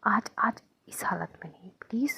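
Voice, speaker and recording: A woman voicing a worried, caring young woman who coaxes in soft, half-whispered speech. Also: medium pitch, normal speed, creaky, breathy edge, exaggerated voice. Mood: soft coaxing.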